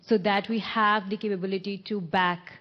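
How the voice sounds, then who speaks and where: A woman's voice: mid-range voice, fairly even intonation, moderate pace, dull audio. A woman on a conference panel, speaking at length and listing technical points one after another.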